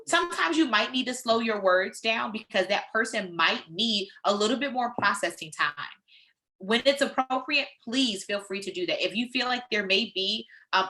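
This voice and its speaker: A woman leading a training session, lecturing in a lively, conversational way with frank personal asides. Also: medium pitch.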